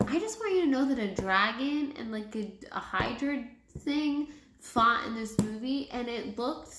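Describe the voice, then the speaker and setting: A woman's voice: fairly high pitch, lively intonation, unhurried, noisy background. A woman giving a casual film review in a tipsy, rambling way, repeating herself as she goes. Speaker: movie reviewer. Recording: echoey room.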